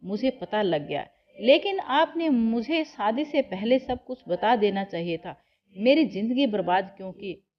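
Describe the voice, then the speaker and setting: A woman doing a gentle, pleading young wife. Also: mid-range voice, expressive, unhurried, lo-fi sound, natural voice. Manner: soft, pleading.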